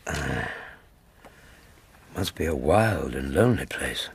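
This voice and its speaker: Wry english gentleman doctor for a radio play, really low voice, bit grumbly but polite, lively intonation. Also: slow, vocal fry, slight background noise, full character voice. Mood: musing. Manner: dry, grumbling, courteous. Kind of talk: British radio drama acting.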